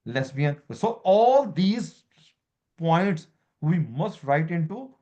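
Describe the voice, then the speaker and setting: A man's voice: on the high side, big pitch swings, slow, dark tone, dull audio. A man lecturing a student as a law exam tutor, repeating key terms and quizzing her, in broken English. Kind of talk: informal lecture.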